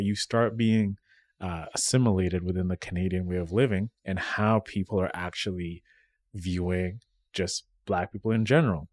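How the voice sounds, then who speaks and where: Low-voiced Kenyan-born man, very dry sound. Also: a little mellow, no echo. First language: Swahili. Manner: reflective storytelling, frequent "right?" tags. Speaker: podcast guest. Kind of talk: casual podcast conversation.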